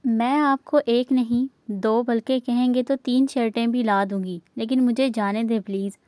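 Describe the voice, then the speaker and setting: A woman's voice: a little high, steady tone, a little slow, warm tone, no room sound, close to an everyday voice. A woman reading aloud voices a nervous young woman who pleads and grumbles. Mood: pleading. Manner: pleading, flustered.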